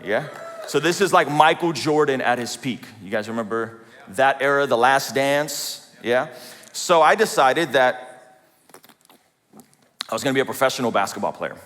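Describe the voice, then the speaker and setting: A man in his forties from Azerbaijan shares a joking, self-deprecating story with a live audience. His voice sits at a middle pitch. It carries a long reverb from a large hall. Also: moderate pace, fairly bright tone. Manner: conversational, self-deprecating, asks the audience questions. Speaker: speaker at a church event. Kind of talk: humorous personal testimony talk.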